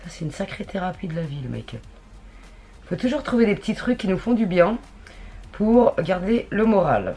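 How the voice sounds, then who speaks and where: Woman beauty vlogger, gravelly voice, lively up-and-down delivery, slangy chat, faint music behind. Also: sits low. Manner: chatty and slangy, talking to herself while working. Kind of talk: casual makeup tutorial chat.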